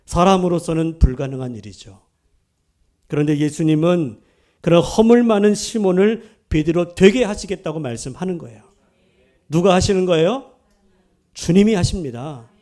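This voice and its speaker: A male pastor delivers a sermon in a fairly high voice. He presses his points with emphasis and keeps asking the congregation questions. He answers those questions himself. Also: normal speed, dark tone. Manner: emphatic, asks the listeners rhetorical questions; acts out quoted speech within the preaching.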